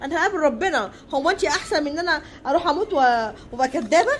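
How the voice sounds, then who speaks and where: Woman voicing a shrill, scheming Egyptian mother. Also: animated, racing, a little hiss or hum. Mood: accusing.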